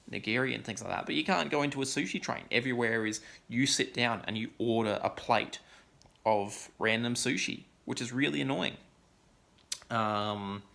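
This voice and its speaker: A man's voice: fairly low pitch, creaky, a bit bright. A young man talking casually in a vlog, rambling with many ums and likes. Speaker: vlogger.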